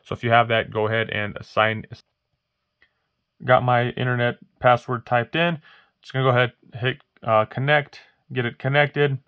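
The recording is lo-fi with no room sound. A man with a medium-pitched, level voice talks at normal speed while showing a phone on a wooden table indoors, hands only. His casual walkthrough rambles, full of fillers and false starts.

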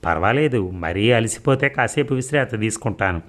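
A man voicing an earnest, hesitant young clerk, speaking gently in a low voice. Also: lively intonation, fairly quick. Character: earnest, shy young male clerk in love.

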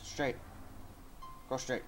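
A man playing a horror game and commenting as he goes, swearing a lot and yelping and shouting when he gets scared. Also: extremely slow, soft background music. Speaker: gaming YouTuber.

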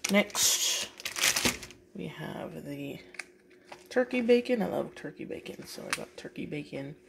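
A woman showing off her grocery haul in a casual vlog from her kitchen, unhurried and pausing often with "um". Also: deep voice, vocal fry. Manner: unhurried, with frequent pauses and "um" fillers. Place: home kitchen, indoors. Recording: packaging noise over the voice. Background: crinkling plastic packaging.

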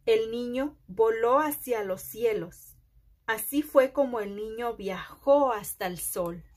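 A woman reading a children's picture book aloud, phrase by phrase with deliberate pauses. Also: on the high side, darkish tone. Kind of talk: slow read-aloud storytelling for children.

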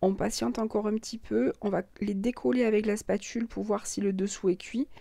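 A hoarse woman who has lost her voice, calmly narrating a recipe step by step as a cooking host. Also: mid-range voice, a little fast, no echo, studio quality. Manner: calm step-by-step instructions.

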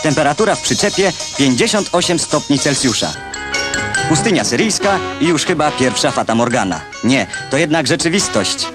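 A man's voice: on the high side, sing-song, normal speed. A man narrating an old newsreel in a scripted, wry and ironic way, with music behind him. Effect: old newsreel recording.

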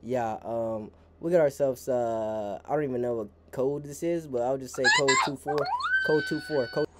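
Pranking strangers over video chat, this young American streamer keeps slipping into an exclaiming, mock-official police dispatcher routine. His pitch is medium and his pace moderate, and the recording is very noisy.

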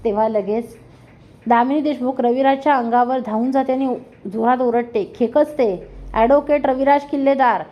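High-voiced woman retelling a serial plot. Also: steady tone, normal speed. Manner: retells the plot, briefly voicing each character's quoted lines. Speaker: serial recap narrator. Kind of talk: casual storytelling recap. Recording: dull lo-fi audio.

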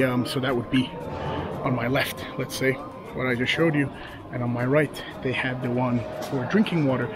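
With a mid-range voice against a noisy background, a thirtysomething travel vlogger talks casually to a camera held at arm's length. He's outdoors at desert ruins and a rock canyon, chatty but hesitant and full of fillers, and music plays over it.

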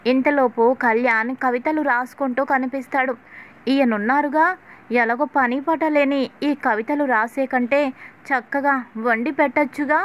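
A woman narrating a story recap in a steady, recounting manner. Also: sits high, unhurried.

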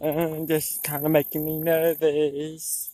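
A young man in his twenties vlogs casually from a nature trail, calling his viewers "y'all." His voice sits on the high side, mellow and monotone, moving a little slowly. It's picked up outdoors on a small clip-on lapel mic, and the recording is dry.

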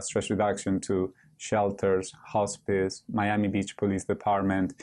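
Low, flat-voiced man from Argentina. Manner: earnest, with many restarts and short yeses. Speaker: yoga teacher, interview guest. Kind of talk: studio interview. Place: TV studio set.

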